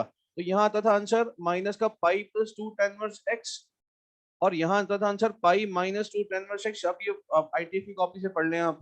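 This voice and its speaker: A man teaching math in a live class, chatting with students and then working through a problem. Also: sits high. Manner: mixes Hindi with English math terms, asks students questions.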